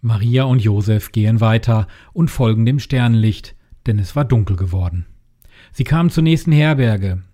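A man calmly reading a Christmas story aloud as narrator. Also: on the low side, normal speed. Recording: music behind the voice.

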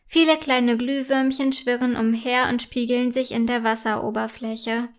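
A woman reading a children's story aloud in a gentle, careful way. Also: fairly high pitch, steady tone, moderate pace.

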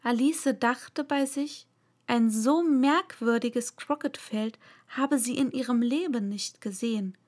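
Woman reading a kids storybook out loud, takes her time, slightly high voice. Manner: slow, even read-aloud. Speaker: narrator.

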